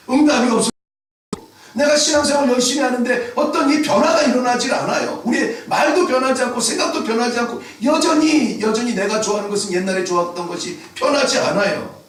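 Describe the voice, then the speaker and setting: A male pastor giving a Sunday sermon, emphatic and rising to shouts at key points. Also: very high-pitched, animated, a little fast, distant mic. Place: church sanctuary. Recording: very echoey church hall, voice from afar.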